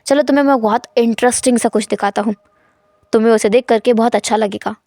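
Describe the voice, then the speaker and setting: A woman voicing a cold, teasing, dominant young husband in a storytelling fan fiction, speaking low, calm and insistent. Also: fast, gravelly, no room sound, clean studio sound.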